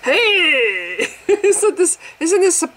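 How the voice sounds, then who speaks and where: A woman's voice: very animated, very slow, rough recording. A woman in her fifties talking casually to the camera about getting older, in a wry, exaggerated, self-mocking way that often breaks into laughter. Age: 50s. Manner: wry, exaggerated, laughing at herself, swings in pitch and loudness. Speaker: vlogger.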